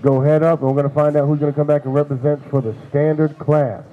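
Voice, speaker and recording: A man announcing classes at a dog show, loudly chanting out the class names to the ring. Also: a little high, fairly even intonation, fast talker, narrow, tinny audio. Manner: loud, chanting calls of age classes. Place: large indoor show venue.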